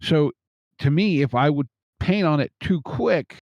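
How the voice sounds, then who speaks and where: A man's voice: a little high, animated, a little slow, no room sound. Man with muffled mic, rambling question. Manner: thinks aloud, heavy on fillers. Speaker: podcast co-host. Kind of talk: casual podcast chat, asking questions.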